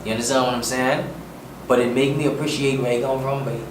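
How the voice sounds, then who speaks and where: This musician guest from the Bahamas has a mid-range voice, a steady tone, and talks fast. In a casual interview he speaks earnestly and emphatically, with slang and a Bahamian accent, recorded from a distance in an echoey room with faint noise.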